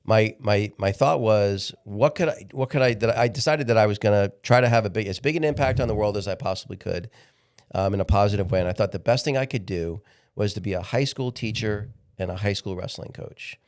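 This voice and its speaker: A man's voice: lowish voice, a little mellow. A man of sixty, a podcast guest talking candidly in a casual interview, often restarting his sentences. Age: 60s. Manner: candid, halting, repeats words when restarting.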